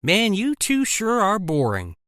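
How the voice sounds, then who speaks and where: A man voicing a bored, cocky female captor who mocks her prisoners, in an animated story. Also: a little high, normal speed, dry recording, studio quality. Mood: mocking. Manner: mocking, teasing.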